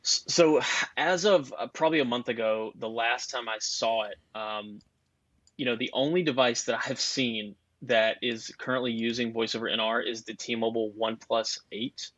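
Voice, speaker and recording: A man's voice: medium pitch, steady tone, normal speed, a bit bright, no room sound, lo-fi sound. A man talking as a guest expert on a podcast, explaining technical details at length in a chatty, casual way.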